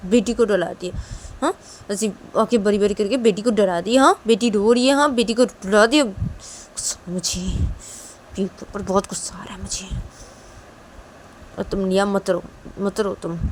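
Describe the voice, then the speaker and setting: A woman voicing a young mother who is protective and quick to anger, speaking in a raised, emphatic voice. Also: medium pitch, little pitch movement, a little hiss or hum, close to an everyday voice. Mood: angry. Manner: raised, scolding, then coaxing.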